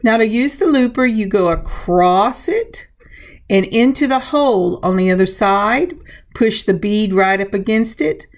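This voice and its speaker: A woman hosting a craft tutorial in a gravelly voice at a medium pitch. She talks slowly and casually, chatting as she explains each step of what her hands are doing. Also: animated. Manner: chatty, unhurried, self-narrating.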